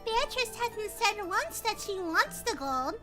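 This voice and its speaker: A woman's voice: very high voice, big pitch swings, slow pace, full character voice. A woman voicing a creepy little girl in an amateur visual novel read, taunting and unhinged, full of eerie glee. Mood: smug, eerie. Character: creepy little girl, eerily gleeful believer in witches. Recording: music behind the voice.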